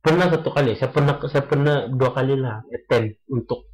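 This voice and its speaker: A man's voice: medium pitch, low-quality recording. Earnest young man. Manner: earnest, halting, many restarts, mixes English into Malay. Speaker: guest sharing experience. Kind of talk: casual podcast chat.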